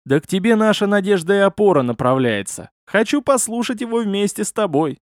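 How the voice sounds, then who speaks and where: A man voicing a mocking old security chief in an audiobook, with sly, drawn-out teasing lines. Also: high voice, very animated, no room sound, clean studio sound, voice pushed up.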